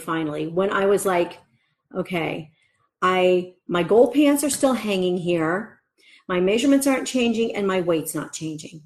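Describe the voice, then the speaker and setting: A woman teaching a casual fitness lesson, chatty, who thinks aloud and repeats her key phrases for emphasis. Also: medium pitch. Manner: chatty, thinks aloud with fillers and self-corrections. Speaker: fitness coach.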